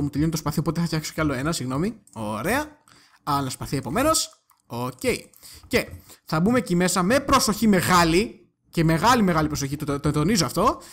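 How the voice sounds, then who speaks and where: A young man with a high voice, running a gaming channel. He keeps up chatty let's-play commentary and talks straight to his viewers. Now and then he breaks into sudden excited yelps.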